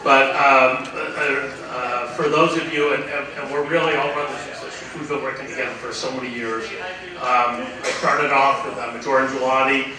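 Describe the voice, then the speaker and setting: A man's voice: mid-range voice, steady tone, normal speed, crowd noise. A man in his sixties giving a rambling acceptance speech at an awards dinner, full of uh fillers as he tells stories from his career. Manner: rambling storyteller, full of uh fillers, acts out quoted voices. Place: large banquet hall at an awards dinner. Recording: echoey hall, distant mic, room noise.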